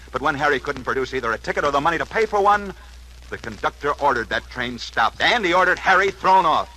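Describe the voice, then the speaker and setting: A man narrates in classic 1940s radio newsreel style, his delivery theatrical and full of sudden pauses. His voice is bright and forceful and leaps high and low. There is a faint hiss behind him. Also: rough recording. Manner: dramatic storyteller, swooping pitch and sudden pauses. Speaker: radio sports show host.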